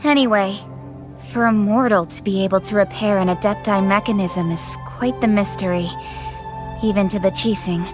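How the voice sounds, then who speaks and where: An actress voicing a brisk, direct young noblewoman official in a video game. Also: medium pitch, over music, lightly acted. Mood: stern. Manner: crisp, direct, a little sharp.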